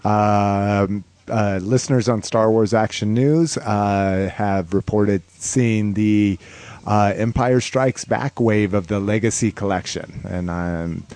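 Male podcast host, lowish voice, casual chat, rambling, informal fan talk. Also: steady tone, slow, darkish tone.

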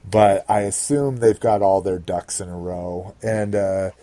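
Male hobby podcaster, low and slow, casual, rambling, sweary. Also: steady tone, warm tone, no echo. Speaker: podcast host.

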